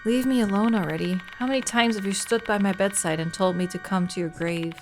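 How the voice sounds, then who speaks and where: A woman's voice: medium pitch, a little fast, music in the background, natural voice. A woman reading the lines of a frightened young woman who pleads desperately with a ghost. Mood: pleading.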